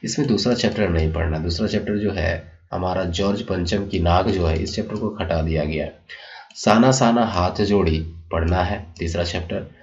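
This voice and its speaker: A man's voice: low voice, moderate pace. A male teacher walking students through a school syllabus, repeating checks like "okay" as he explains. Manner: repeats "ठीक है" and addresses children warmly, explanatory. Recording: dull lo-fi sound.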